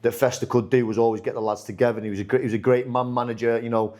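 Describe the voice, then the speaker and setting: A man, a football manager talking casually in a podcast interview, rambling with many restarts and lively when he quotes others. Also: mid-range voice, very fast.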